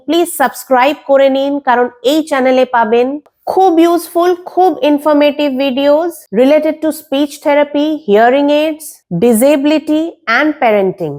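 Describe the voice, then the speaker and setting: A woman with a Bengali accent talks parents through common questions about children's speech, steady and instructive, slipping English terms into her talk. Her voice sits high and light throughout. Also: measured pace. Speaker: speech language pathologist. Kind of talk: explaining to parents on a video channel.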